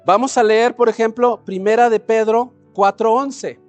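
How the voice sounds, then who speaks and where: A man with a high, light voice preaches a sermon. He explains scripture and throws questions out to the congregation, then answers them himself. Soft music plays faintly behind him. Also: fairly even intonation, measured pace, lo-fi sound. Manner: calls congregation to repeat phrases.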